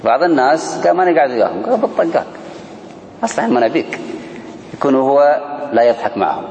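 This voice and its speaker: A man, teaching a religious lesson as a sheikh and lively acting out the people he quotes. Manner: animated, acts out quoted people with pitch jumps. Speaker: sheikh teaching a book on worship. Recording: echoey hall with faint ambient noise.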